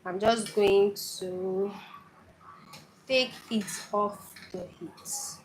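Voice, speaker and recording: Igbo-accented nigerian woman doing a cooking tutorial, slow and chatty, repeats stuff a lot, bit of noise behind. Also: medium pitch, steady tone, rough recording. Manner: chatty, repeats points for emphasis. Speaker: cooking channel host.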